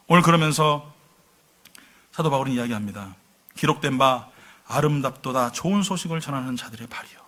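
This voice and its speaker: Middle-aged pastor preaching, bright voice, keeps asking the congregation stuff. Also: male voice, sits high. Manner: lively storytelling preaching, asks the congregation questions. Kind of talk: sermon. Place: church sanctuary.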